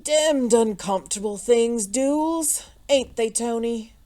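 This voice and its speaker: A woman voicing a lazy, foppish, imperturbable English gentleman with a British accent and a blandly amused drawl in an audiobook. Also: fairly high pitch, slow. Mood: leisurely teasing. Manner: drawling, blandly amused, affected upper-class exclamations.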